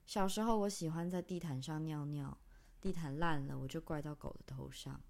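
Low, dark-voiced woman reading drama. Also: fairly even intonation, gravelly. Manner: intense, halting delivery in short broken phrases; long breathless list, spoken low and soft. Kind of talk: dramatic reading of a stage text.

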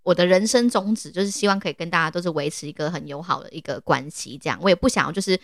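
A woman's voice: on the low side, racing, no echo, studio quality. A woman in her twenties with a Taiwanese Mandarin accent, co-hosting a casual podcast and telling stories with lots of laughter. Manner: animated storyteller, laughs often. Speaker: podcast co-host.

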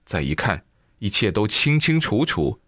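Low-voiced man reading a Buddhist book aloud. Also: measured pace, dry recording, studio quality. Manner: lively storytelling with exclamations. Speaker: reader.

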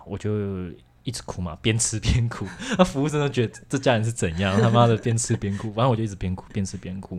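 A man's voice: lowish voice, lively intonation, quick pace, few pauses. A young man with a Taiwanese Mandarin accent, telling a personal story in a casual, rambling way on a chat show. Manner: candid, rambling, frequent restarts and laughs.

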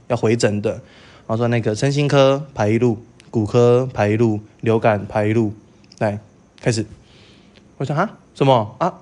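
A young man with a Taiwanese Mandarin accent, co-hosting a podcast and telling a story in a campy, animated way, acting out other people's lines and laughing often. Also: mid-range voice. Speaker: podcast co-host. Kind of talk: casual storytelling chat.

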